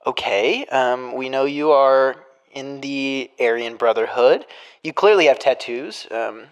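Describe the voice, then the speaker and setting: A man's voice: mid-range voice, unhurried, clean tone, pitched below the performer's own voice, lightly acted. A man reading the part of a formal prison interviewer in a murder mystery game, sticking to scripted questions. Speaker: podcast host.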